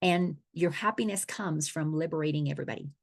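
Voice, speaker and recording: A woman's voice: low-pitched, fairly quick. A middle-aged woman from the Dominican Republic, an awareness coach giving a spiritual teaching talk, earnest and often restarting her words.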